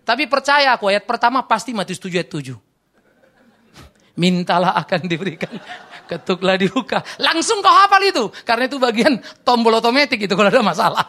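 A man preaching a sermon as pastor, telling stories with quoted dialogue and swinging between loud exclamations and quiet confiding asides. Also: high-pitched, vocal fry.

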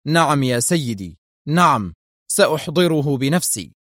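A man voicing a stern, ruthless male gang leader who gives sharp commands. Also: on the high side, animated, normal speed, no echo, clean studio sound. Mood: dutiful.

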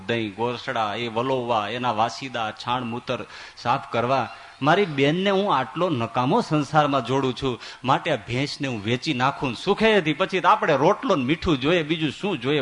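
A man giving a sermon as a swami, telling stories with voiced quotes and swinging from loud to soft. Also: medium pitch, slight background noise. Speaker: swami preacher.

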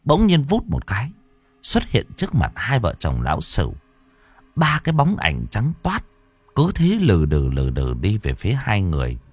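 A man narrating a horror story in a slow, dramatic, ominous manner. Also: fairly low pitch, wildly swooping pitch.

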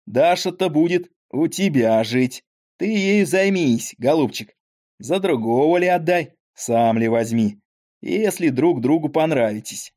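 A man's voice: fairly high pitch, animated, unhurried, darkish tone. Man doing a frail rambling old father. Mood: pleading. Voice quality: weak voice. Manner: rambling folksy speech. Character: frail old dying father, talkative, grumbling.

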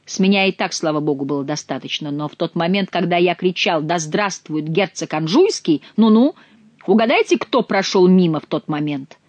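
A woman reading as a hot-headed male courtier who curses and rants about his misfortune. The voice is somewhat low, and the sound is close and dry. It comes across as a storybook reading. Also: animated, moderate pace, a little mellow, no room sound. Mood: agitated. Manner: angry, swearing. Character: furious male courtier dyed blue.

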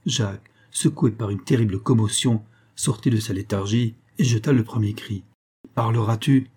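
Husky, dark-voiced male narrator. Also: fairly low pitch, normal speed. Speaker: audiobook narrator. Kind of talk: scripted narration of an adventure novel.

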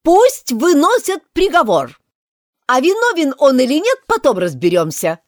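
A woman voicing a furious, commanding queen who shouts her orders, in a storybook reading. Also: high-pitched, wildly swooping pitch, unhurried, no room sound, studio quality, voice pushed up, heavily acted.

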